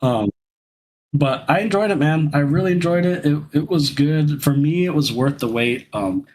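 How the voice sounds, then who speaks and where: A man co-hosting a podcast in casual chat, rambling and halting, with many restarts. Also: fairly high pitch, a little mellow, poor audio. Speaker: podcast co-host.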